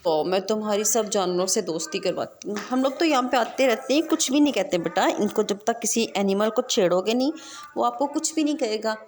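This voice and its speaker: A woman voicing a gentle doll mother who reassures her child in a coaxing manner. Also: medium pitch, a little fast, close to an everyday voice. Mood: reassuring.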